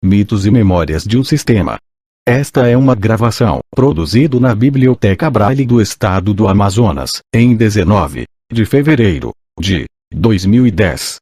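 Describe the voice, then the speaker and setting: A synthesized male voice with a Brazilian accent, like an old speech synthesizer, reading an audiobook in a mechanical, measured way. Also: lowish voice, lively intonation, a little mellow, slightly rough, dry recording, clean studio sound. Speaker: audiobook narrator. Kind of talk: scripted audiobook reading of a list of laws and credits.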